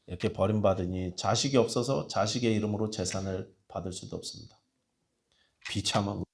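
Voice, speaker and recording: A man preaching a sermon as pastor in a church, telling the story with rhetorical questions and moving between hushed and raised emphasis. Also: sits low.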